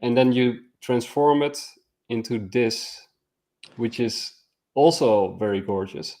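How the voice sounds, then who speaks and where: Male interviewer, mid-pitched, eager and affirming, casual conversational host. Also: slow pace, warm tone. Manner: brief affirmations, enthusiastic questions.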